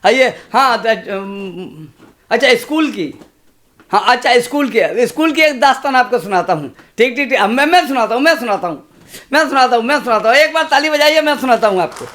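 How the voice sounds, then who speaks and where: A man's voice: very high voice, expressive, moderate pace, a bit bright. A man in his sixties, a comic poet reciting humorous verse on stage, repeating lines and making chatty asides to the audience.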